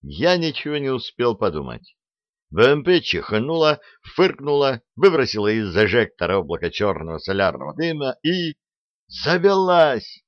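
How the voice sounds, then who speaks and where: A man narrating a first-person war story as an audiobook, lively in delivery. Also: lowish voice, normal speed, no room sound, muffled recording.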